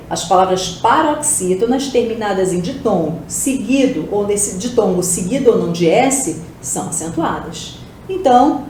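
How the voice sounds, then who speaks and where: A Brazilian Portuguese teacher, her voice on the high side with a dark tone, works through exam questions step by step in a video lesson for test prep. She poses questions and answers them herself. The room is very echoey, with a faint hiss.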